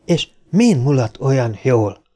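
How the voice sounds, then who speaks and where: A man reading an audiobook, voicing a hot-tempered male mathematician who blusters and shouts. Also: mid-range voice, big pitch swings. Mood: angry.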